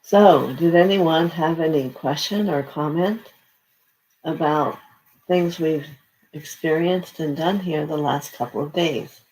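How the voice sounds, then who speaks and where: A host of unclear sex leading a live guided relaxation session in a gentle, halting, unscripted way with pauses. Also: medium pitch, poor audio. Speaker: spiritual session host leading singing bowl meditation.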